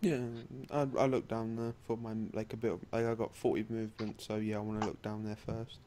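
A man's voice: lowish voice, level tone, a little fast, dark tone, a little hiss or hum. A man playing a tabletop game who states his moves in a blunt, decisive, casual way. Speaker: player.

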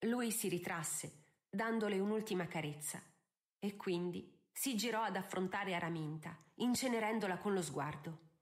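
Woman narrating a novel audiobook. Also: mid-range voice. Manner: measured, expressive storytelling.

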